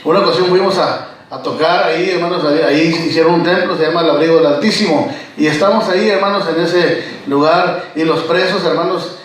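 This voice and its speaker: A man's voice: a little high, brisk, few pauses. A man preaching a sermon, telling stories and often calling out to his listeners as brothers. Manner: storytelling, keeps addressing listeners as brothers. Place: church. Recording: echoey church recorded from far off.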